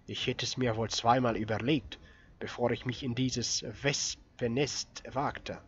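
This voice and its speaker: Hoarse young hunter guy, urgent and determined, a man doing the voice, bit lo-fi. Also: medium pitch, steady tone, a little slow, lightly acted.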